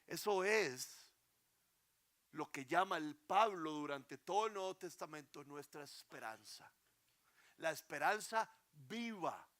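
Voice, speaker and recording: A young adult man preaching a sermon, earnest, rising to emphatic peaks and then dropping soft. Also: on the high side, animated, slow pace. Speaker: pastor.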